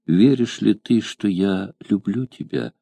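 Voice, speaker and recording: A man's voice: lowish voice, lively intonation, measured pace, vocal fry, warm tone, husky, no echo, full character voice. A man voicing a cunning young courtesan who coaxes with feigned tenderness in an audiobook. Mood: coaxing.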